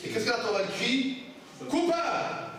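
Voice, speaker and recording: A rabbi teaches a class of students, pressing them with emphatic questions. His voice sits high for a man. The room echoes heavily and he is recorded from a distance. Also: lively intonation, normal speed. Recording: echoey room, from far off, faint noise.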